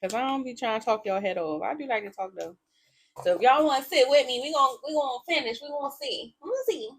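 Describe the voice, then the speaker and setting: Woman, casual tarot reader, slightly high voice, profane and blunt, quick to laugh. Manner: talks straight to her viewers. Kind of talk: casual tarot reading to viewers.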